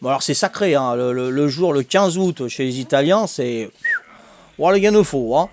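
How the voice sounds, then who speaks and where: A man's voice: medium pitch, expressive, normal speed, noisy background. An older man from Corsica, a streamer telling casual anecdotes in a chatty way, laughing often and filling his talk with repeats.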